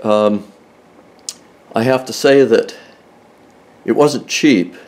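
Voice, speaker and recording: An older man hosting a car restoration video draws out his words in a medium-pitched, slightly mellow voice as he demonstrates a tool hands-on. Recorded inside a car in a garage, his plain, methodical explanation often breaks off and restarts mid-sentence.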